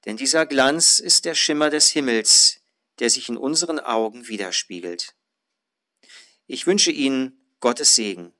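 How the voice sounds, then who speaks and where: A male pastor giving an earnest, measured sermon, lifting his voice on emphatic phrases. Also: mid-range voice, expressive, sharp tone.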